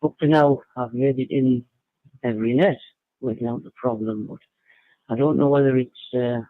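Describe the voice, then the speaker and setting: A man calling in to an amateur radio net from a holiday hotel room through a phone link, chatting in a relaxed way and signing off with call signs over a tinny radio channel. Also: mid-range voice, no room sound. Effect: tinny amateur radio link, narrow band. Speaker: ham radio net caller. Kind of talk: casual radio check-in chat. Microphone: phone over internet radio link.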